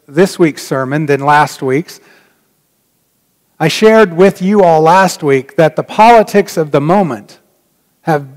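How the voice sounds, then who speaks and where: Middle-aged guy preaching, reflective and earnest, kinda high voice, echoing big church hall. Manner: earnest, reflective, drops to near-whisper on key points. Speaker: pastor. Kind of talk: sermon. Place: large church sanctuary. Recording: long reverb of a church hall.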